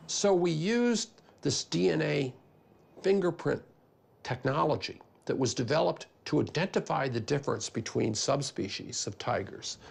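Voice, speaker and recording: A man's voice: fairly high pitch, lively intonation, unhurried, creaky, slightly rough. An older man, a scientist, explaining his views conversationally in a documentary interview. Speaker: geneticist interviewee.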